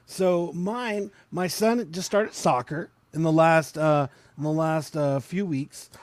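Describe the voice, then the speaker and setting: Hosting a laid-back live-stream chat, this podcaster speaks slowly in a scratchy voice that leans high. He laughs a lot, chatters freely, and uses many fillers, all in a dry recording.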